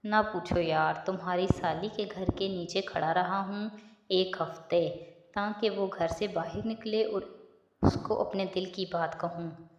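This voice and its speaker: A woman voicing a playful young man in love who teases his fiancée, read in a slow, mischievous storybook voice. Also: fairly low pitch, steady tone, noisy background. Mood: teasing. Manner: teasing, mischievous. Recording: echoey room, slightly dull.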